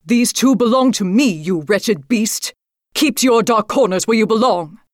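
A woman's voice: lowish voice, expressive, unhurried, no room sound, studio quality. A woman voicing a commanding, protective mother owl. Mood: fierce. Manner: commanding, then gently reassuring.

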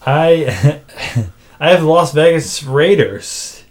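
A man co-hosting a casual sports podcast, making game picks in a dry, self-described monotone with frequent filler words. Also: a little high, slow pace. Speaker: podcast co-host.

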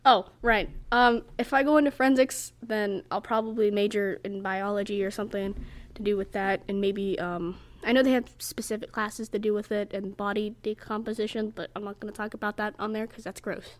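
A woman's voice: medium pitch, steady tone, fairly quick. A teenage girl hosting a casual student podcast, rambling with many fillers as she talks through her plans. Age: teens. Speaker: podcast host. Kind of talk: casual chat.

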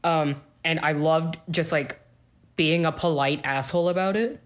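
A man co-hosting a podcast, telling work stories in a wry, deadpan way during casual chat. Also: fairly high pitch, measured pace, a little hiss or hum. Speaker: podcast co-host.

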